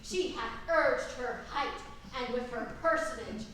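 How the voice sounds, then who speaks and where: Woman acting a high-voiced, fierce, jilted Hermia. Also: a little slow, a bit bright. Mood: furious. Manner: theatrical, indignant, projected stage delivery. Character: small, fierce, jilted young Athenian woman. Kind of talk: staged reading of Shakespearean comedy. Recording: echoey room from far off, faint noise.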